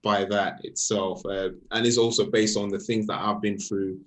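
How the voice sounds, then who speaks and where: Low-voiced man, halting artist guest. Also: flat delivery. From Sweden. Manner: halting, repeats words while explaining. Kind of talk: casual interview chat.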